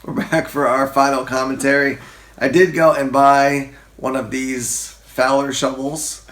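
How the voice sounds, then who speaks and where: A man's voice: mid-range voice, level tone, unhurried, a bit bright, roomy sound. A man hosting a casual couch commentary, joking and acting out quotes in silly voices. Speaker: host.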